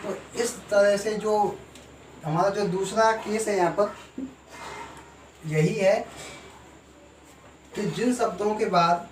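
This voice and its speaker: A man teaching a grammar lesson, who explains slowly and asks and answers his own questions. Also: sits high, steady tone. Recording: echoey room, voice from far off, faint noise.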